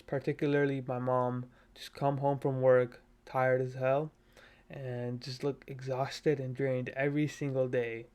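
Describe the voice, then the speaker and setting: He's a twenty-something from Nepal making a self-improvement vlog in his bedroom at his parents' place, with a cheap USB desk mic picking him up. Medium in pitch, his voice is clear, resonant and a bit dark. He talks earnestly and casually, pepping himself up and using plenty of fillers.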